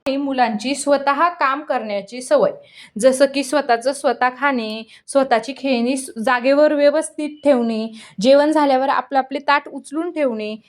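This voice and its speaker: A woman's voice: sits high, moderate pace. A woman hosting a channel, giving parenting advice in an earnest, direct scripted talk.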